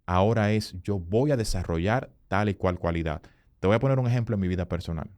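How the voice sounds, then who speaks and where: A man, a communication consultant, telling earnest stories as a podcast guest, emphatic and rising in pitch when he quotes people. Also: fairly quick, a little mellow, dry recording, clean studio sound. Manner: earnest, emphatic storyteller who rises in pitch for quoted voices. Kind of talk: storytelling in a podcast interview.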